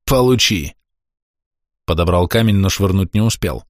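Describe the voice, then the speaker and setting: Male narrator, low voice, measured and tense delivery, dry booth sound. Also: steady tone, no room sound. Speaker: audiobook narrator. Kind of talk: dramatic audiobook narration.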